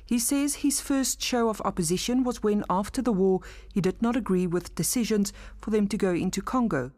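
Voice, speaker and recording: A woman reading scripted documentary narration in a measured, formal way. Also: medium pitch, darkish tone, no room sound. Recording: voice-over with music beneath.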